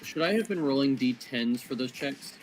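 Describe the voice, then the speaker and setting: A man's voice: mid-range voice, expressive, normal speed, music in the background, poor audio. A man playing a tabletop game, asking questions in an apologetic, unsure way. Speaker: player. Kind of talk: casual chat at a gaming table.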